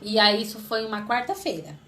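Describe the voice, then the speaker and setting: A Brazilian woman in her thirties telling an emotional personal testimony as an interview guest, lively and acting out what people said. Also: medium pitch, fairly quick. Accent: Brazilian Portuguese. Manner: lively, acts out quoted voices, laughs often.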